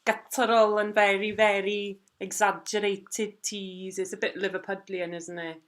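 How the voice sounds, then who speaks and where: A woman's voice: mid-range voice, flat delivery, measured pace. A Welsh woman chatting casually over a video call, telling stories and laughing often. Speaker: guest. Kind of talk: casual chat.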